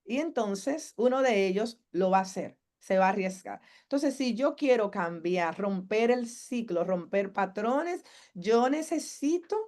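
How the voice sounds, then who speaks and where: A woman's voice: mid-range voice, a little mellow. A woman psychologist giving a live masterclass to mothers. She asks the audience questions and acts out the lines of family members.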